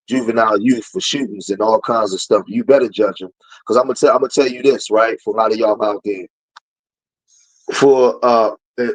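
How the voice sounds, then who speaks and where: Man in his forties, preachy streetwise talk, husky voice, phone call, gets heated. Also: mid-range voice. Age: 40s. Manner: preachy, grows heated and louder. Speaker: guest. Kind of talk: casual talk on a livestream.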